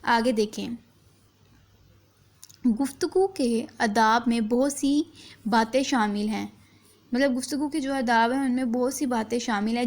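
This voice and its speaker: Woman teacher, slightly high voice. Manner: reads a passage, then re-explains it simply with repetition; slow, deliberate pace for children. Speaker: school teacher. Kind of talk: children's class lesson.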